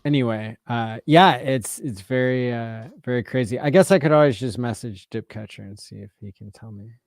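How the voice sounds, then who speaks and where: A man hosting a livestream, chatting in a relaxed way with lots of fillers and thanking viewers as he goes. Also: mid-range voice, moderate pace, no room sound, studio quality. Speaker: livestream host. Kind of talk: casual livestream chat.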